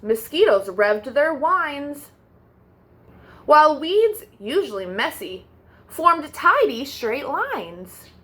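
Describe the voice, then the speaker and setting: A woman hosting a children's storytime reads a rhyming picture book aloud in a high-pitched voice, expressive and sing-song.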